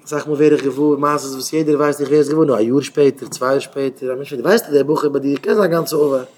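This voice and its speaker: A man's voice: steady tone, fast. Impassioned man preaching with sudden outbursts. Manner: repetitive, exhorting, swinging between loud outbursts and low murmurs. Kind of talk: impassioned moral talk.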